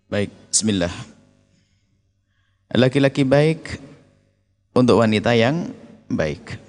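A man preaching and answering a question, lively, acting out quoted speech in a raised voice. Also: medium pitch, takes it slowly, soft background music. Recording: reverberant hall.

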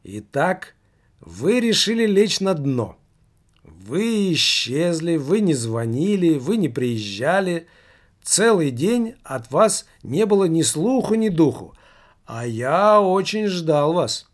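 A man voicing an irritable male company director who exclaims and reproaches in drawn-out, indignant lines. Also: a little high, expressive, darkish tone. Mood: reproachful.

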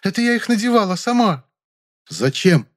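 Man doing a squeaky frightened peasant maid. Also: very animated, moderate pace. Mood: squeaky, pleading. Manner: squeaky, sobbing, stammering. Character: frightened young peasant housemaid, simple-minded, tearful.

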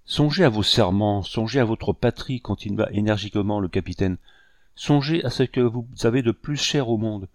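A man's voice: fairly low pitch, moderate pace, darkish tone, no room sound, clean studio sound, close to an everyday voice. A man reading an audiobook, voicing a young officer who speaks frankly and severely. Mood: stern. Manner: severe, disdainful.

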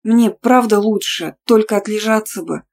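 A woman voicing a stubborn older sister who is ill, speaking hoarsely, weak but insistent. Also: mid-range voice, moderate pace, darkish tone, slight background noise, voice pushed up, natural voice.

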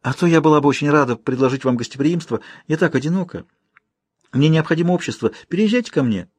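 A cool, proud young woman, voiced by a male audiobook reader, speaks with a haughty, teasing sweetness. The voice sits higher than a man's usual register, with a slightly husky edge. The recording is dry and close. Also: animated, quick pace, darkish tone, no echo. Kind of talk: audiobook character voice.

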